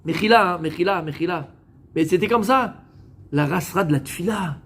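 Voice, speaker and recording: A French rabbi gives a lively, joke-filled sermon before a live audience, addressing listeners directly and sprinkling in Hebrew religious terms. His voice sits high and slightly rough, at a normal speed.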